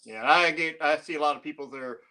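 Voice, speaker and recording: Bright-voiced laid-back man on a podcast. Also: a little high, racing. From Florida, USA. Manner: easygoing, laughs often, short agreeing replies. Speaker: guest musician and reviewer. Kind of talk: casual podcast chat.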